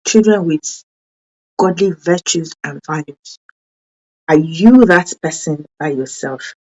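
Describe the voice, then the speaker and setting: Heard through lo-fi audio, a Yoruba-speaking parenting channel host talks with a somewhat dark tone. Her manner is sincere, she often catches and fixes her own words, and her pitch leaps suddenly for emphasis.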